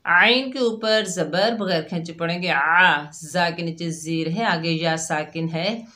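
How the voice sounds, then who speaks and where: A woman teaching Quran recitation rules step by step, explaining each letter and then sounding out the syllables slowly. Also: fairly low pitch, sharp tone. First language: Urdu. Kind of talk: slow step-by-step tajweed lesson.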